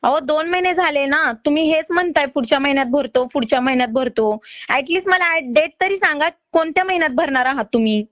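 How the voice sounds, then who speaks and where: This is a loan recovery phone call from a woman whose high voice is a little bright and brisk. She's insistent and exasperated while staying polite. The audio is slightly dull, as phone calls tend to be, with no echo.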